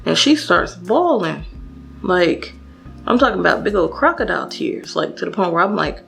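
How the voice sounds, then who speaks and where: Young woman vlogger, gravelly fry, rambling storytime over faint music. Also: on the low side, expressive, moderate pace, a bit bright. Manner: casual, chatty, many fillers and restarts, addresses viewers directly. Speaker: beauty vlogger. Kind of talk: storytime while doing makeup.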